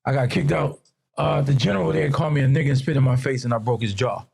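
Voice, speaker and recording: Gravelly New man in his fifties. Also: fast. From raised in New York. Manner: relaxed storyteller who acts out quotes in a higher voice. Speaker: podcast guest. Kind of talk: casual podcast chat.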